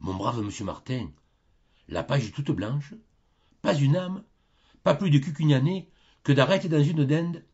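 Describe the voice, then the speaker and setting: Un homme qui prête sa voix à un vieux saint bienveillant, gardien du paradis, au ton familier et serviable, dans un livre audio. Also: male voice, mid-range voice, animated, measured pace, long pauses, slightly rough, dull audio, voice pushed up. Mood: reading aloud. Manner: warm, familiar and obliging. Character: kindly old male saint, heaven's gatekeeper.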